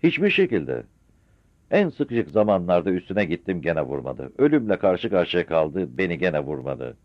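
A man playing a seasoned gendarme sergeant who answers calmly and respectfully. His voice is deep, with a dull, dry old radio play sound. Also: normal speed, no room sound, heavily acted. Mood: matter-of-fact. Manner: matter-of-fact, respectful. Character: seasoned male gendarme sergeant, calm and knowing.

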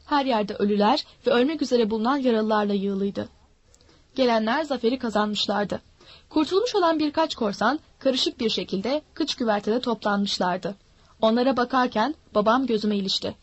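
A woman's voice: on the high side, normal speed, no echo, dull audio. Woman narrating a storybook.

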